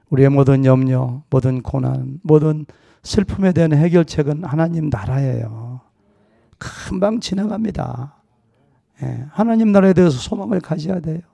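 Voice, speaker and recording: A middle-aged man, a pastor preaching a sermon, telling a humorous personal story and acting out the dialogue with lively shifts of voice. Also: mid-range voice, creaky, dry recording. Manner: anecdotal and humorous, acting out dialogue in a wide-ranging voice.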